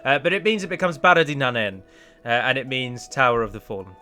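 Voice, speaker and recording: Close on the mic with music playing in the background, a gaming video host who also develops mods talks through a let's play casually, poking fun at himself. His bright, forward, mid-pitched voice moves quickly with lively intonation.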